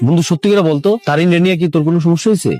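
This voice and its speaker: A man's voice: a little high, very fast, darkish tone, close to an everyday voice. An actor playing a young man's joking friend who teases him in slangy banter. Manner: teasing, colloquial banter. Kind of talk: Bangla TV drama acting.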